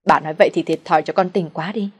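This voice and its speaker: A woman's voice: on the low side, steady tone, fast, slightly rough. A woman reading the lines of a blunt, demanding elderly husband in an audio story. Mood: furious. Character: elderly husband, bewildered then furious.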